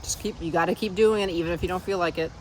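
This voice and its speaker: A woman's voice: fairly low pitch, steady tone, racing, a little hiss or hum, poor audio. A woman chatting casually outdoors while running, upbeat and teasing. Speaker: running partner. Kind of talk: casual chat. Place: outdoors on a run.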